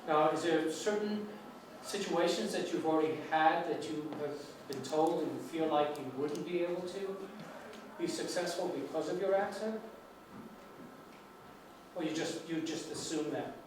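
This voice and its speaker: On the high side and at normal speed, a New York-accented man from the US teaches an English class. His talk is reassuring yet meandering, full of restarts, captured from afar in a noisy, echoing hall.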